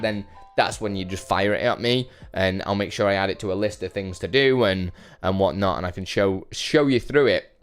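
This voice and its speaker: A man chatting casually on a live stream, rambling and self-deprecating as he greets viewers by name and answers their questions. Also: fairly low pitch. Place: his brother's home.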